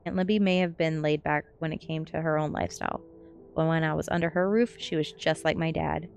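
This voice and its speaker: Over background music and a little noise, a streamer with a low, creaky voice reads a novel in a soft ASMR storybook manner, keeping her intonation fairly even and her pace fairly quick. She welcomes listeners with casual chat and occasionally stumbles over words.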